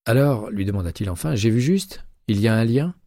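A polite, persistent retired investigator makes his case on the phone, as a male narrator voices him. The voice stays low and mellow, set in a dry, close sound. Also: animated, brisk, no echo. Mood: persuasive. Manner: polite, persuasive phone talk.

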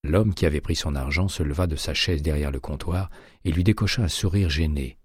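A man reading a thriller audiobook in a steady, measured voice, recorded close and dry. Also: rumbling low, breathy edge, no echo. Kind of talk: audiobook narration.

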